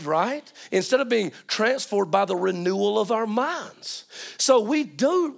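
A man's voice: sits high, vocal fry. A man preaching an informal teaching sermon, checking in with listeners through questions, his voice strained as it recovers from being lost.

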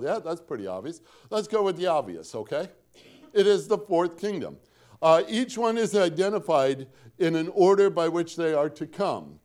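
This sermon comes from a Northwest Indiana man with a local accent and a fairly high, darkish voice. His preaching has a folksy, storytelling feel, with dry jokes at his own expense and points hammered home through repetition.

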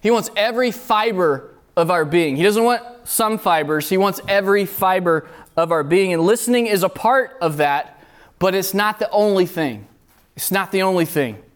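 A man's voice: high-pitched, animated, normal speed. A middle-aged man preaching a sermon at a youth retreat, earnest and repeating key phrases for emphasis. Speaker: youth pastor. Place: retreat meeting room.

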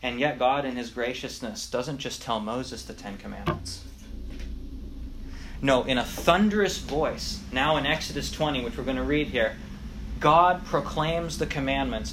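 A man's voice: medium pitch, measured pace, noisy background. A man teaching a Sunday school lesson, explaining the Bible and reading scripture aloud with rising emphasis.

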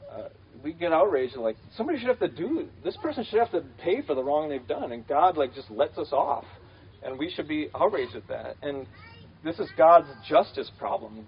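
A man's voice: medium pitch, muffled recording, slight background noise. A man preaching a conversational sermon, casual and full of fillers, repeating key phrases.

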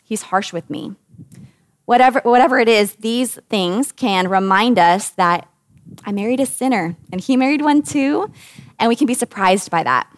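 A woman in her thirties from the United States gives a talk to a women's group as their Bible study teacher. She speaks in an earnest, conversational way with lively emphasis. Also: on the high side, moderate pace, no room sound, studio quality.

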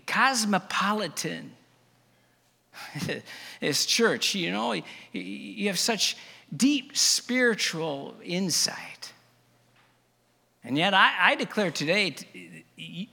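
A man's voice: sits high, vocal fry, bright, forceful tone, husky, long reverb tail, full character voice. A man playing a stammering, sarcastic Apostle Paul. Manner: halting, stammering, heavy with irony. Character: Apostle Paul, male, reluctantly boasting, sarcastic. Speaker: actor in a first-person biblical monologue. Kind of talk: dramatic monologue to a congregation.

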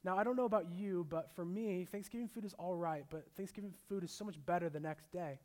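A young man preaching a sermon as a pastor, mixing scripture with a relaxed personal story. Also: high-pitched, fast talker.

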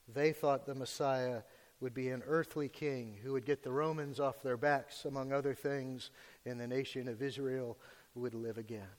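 Pastor preaching at a pulpit microphone. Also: male voice, on the high side. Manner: preaching with many filler "uh"s, rising for emphasis. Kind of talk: sermon. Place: church sanctuary. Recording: long hall reverb.

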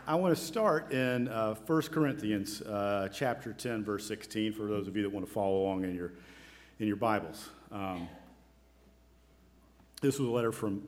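A man giving an informal communion devotional with scripture readings, speaking in a halting, hesitant, conversational and self-deprecating way. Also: lowish voice, darkish tone. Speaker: church member giving a communion talk. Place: large church room, speaking to a congregation. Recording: echoey hall with long reverb.

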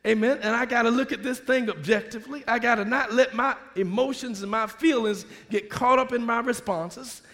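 A man preaching a sermon with call-and-response, moving between quiet asides and shouted exhortation. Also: extremely high pitch, normal speed, hardly any pauses. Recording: long hall reverb.

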